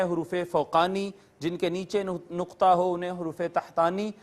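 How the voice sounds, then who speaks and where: A man with a notably high-pitched voice gives a methodical lecture as a Quran teacher. He moves patiently from term to term, defining each and repeating it for his viewers. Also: darkish tone. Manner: addresses viewers politely. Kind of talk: lecture explaining Arabic letters and recitation rules.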